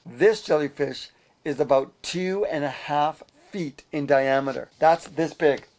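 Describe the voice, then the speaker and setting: A man co-hosting a comic animal news show, delivering jokes deadpan. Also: fairly high pitch, a little slow. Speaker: co-host. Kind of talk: joking news banter.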